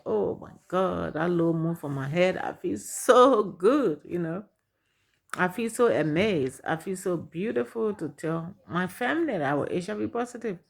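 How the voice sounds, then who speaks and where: A woman's voice: fairly low pitch, creaky. A middle-aged woman with a Liberian accent, sharing her personal story and giving earnest advice, repeating points for emphasis.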